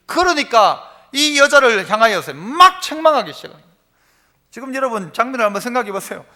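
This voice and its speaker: Male preacher in a church sanctuary, bright forceful tone, keeps quizzing the congregation. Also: very high-pitched. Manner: asks the congregation rhetorical questions. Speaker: pastor. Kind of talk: sermon.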